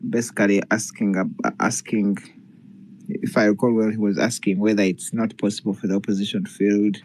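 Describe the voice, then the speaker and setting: A man answering questions at an online party meeting in a measured, formal way with some fillers. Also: on the low side, flat delivery, darkish tone, slight background noise, rough recording.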